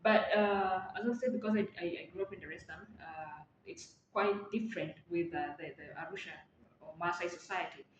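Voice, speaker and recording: A woman's voice: lowish voice, a little fast. A woman from Tanzania whose first language is Maa, answering interview questions in a hesitant way with many fillers and restarts. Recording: echoey, dull lo-fi audio with faint noise.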